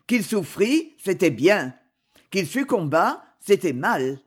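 A woman narrating an old novel, reading slowly and deliberately. Her pitch moves a lot, giving the narration a lively, expressive lilt. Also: breathy edge. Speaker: audiobook reader.

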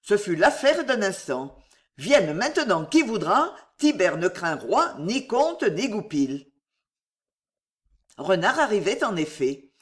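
Audiobook narrator: measured, expressive storybook reading, animated pitch, mid register.

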